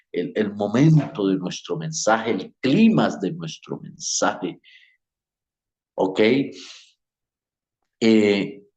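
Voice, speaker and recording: In an echoey room, a man with a lowish, darkish voice teaches a homiletics class at church. His delivery is conversational, with frequent pauses and fillers.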